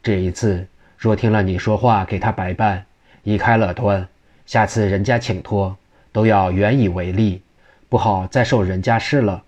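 A man voicing a calculating male imperial official who speaks in a measured, deliberating way. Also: lowish voice, steady tone, a little mellow, muffled recording, lightly acted.

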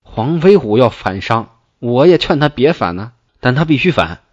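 A man reading a classical novel aloud and explaining it in colloquial speech, with lively, folksy asides. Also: mid-range voice, normal speed, dry recording. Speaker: storyteller. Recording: dull, dry lo-fi recording.

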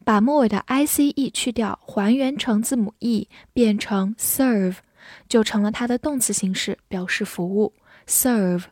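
A woman teaching English vocabulary in a clear, patient way, spelling out words and reading model sentences slowly. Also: medium pitch, darkish tone, dry recording, clean studio sound. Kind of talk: vocabulary lesson.

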